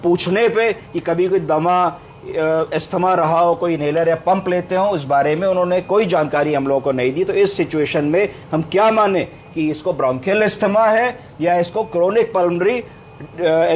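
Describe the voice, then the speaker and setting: High-voiced man explaining medicine. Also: slight background noise. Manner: explains step by step, asks and answers his own questions; mixes English medical terms into Hindi. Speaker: doctor teaching clinical medicine.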